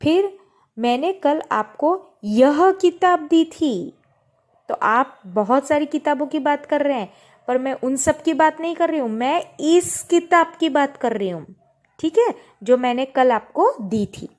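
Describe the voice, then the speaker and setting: Woman, teacher, textbook lesson, slow and patient, slightly high voice, stresses words in examples. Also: lively intonation. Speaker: Hindi teacher.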